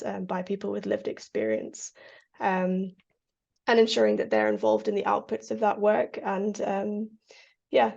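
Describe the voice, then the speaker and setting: A woman from Kenya speaks earnestly as an interviewed Parkinson's researcher, with a gravelly edge to her voice. She talks in halting runs full of fillers and restarts. The audio is dull and lo-fi, as over a video call. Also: mid-range voice, dark tone. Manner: earnest, many fillers and restarts, laughs often. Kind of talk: interview answers.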